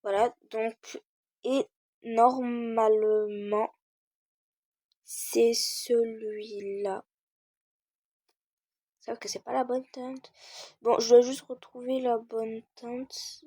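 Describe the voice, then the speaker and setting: A woman's voice: a little high, fairly even intonation, extremely slow, long pauses, warm tone, no room sound, studio quality. A teenage girl giving a casual screen-recorded game tutorial, hesitating often with fillers while she searches.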